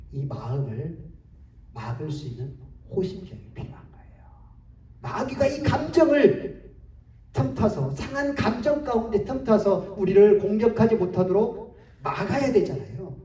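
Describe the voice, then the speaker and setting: Animated male pastor in echoey church. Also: high voice, normal speed. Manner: animated, rhetorical questions, chuckling. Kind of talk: sermon. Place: church sanctuary. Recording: echoey hall, distant mic, faint hiss.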